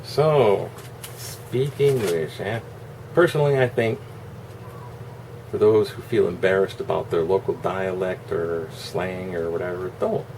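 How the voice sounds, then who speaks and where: In a noisy room with a constant air-conditioner hum, a man sits far from the mic delivering a casual, opinionated monologue as an online video host. His voice is low, gravelly and darkish, moving at a moderate pace. He rambles, sarcastic and salty.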